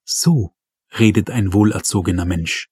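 A man's voice: fairly low pitch, measured pace, a little mellow, slightly rough, no echo, studio quality. A man voicing a furious, defiant middle-aged mother in an audiobook reading.

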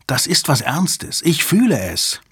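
A man's voice: a little high, very animated, unhurried, fairly bright tone, husky, no room sound, studio quality, pitched above the performer's own voice, heavily acted. A man doing an urgent, worried woman. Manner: urgent, pressing. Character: insistent female night-shift official, worried.

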